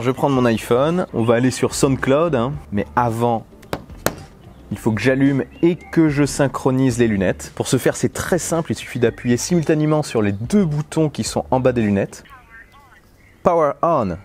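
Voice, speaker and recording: Beside a road outdoors, a tech vlogger with a French accent unboxes something in a casual vlog captured on a lapel mic. His voice is mid-range and a touch mellow, and he comes across as chatty and playful, musing to himself.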